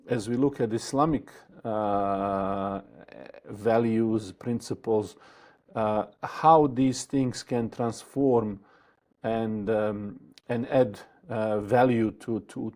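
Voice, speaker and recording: A man from Bosnia, a guest answering interview questions in a thoughtful, halting way with many fillers and restarts. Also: mid-range voice, a little mellow.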